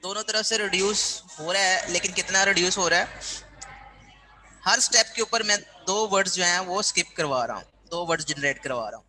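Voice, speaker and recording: Here a man lectures a university class, breaking ideas into steps and regularly asking whether students are with him. He sounds high-pitched, brisk and bright, with a forceful delivery, captured on a rough recording.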